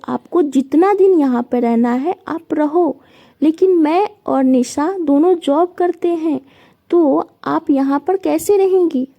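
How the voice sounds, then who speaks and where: Woman reading a practical grown son, plain everyday talk, high but dark voice, dull lo-fi sound. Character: middle-aged son, dutiful but money-minded.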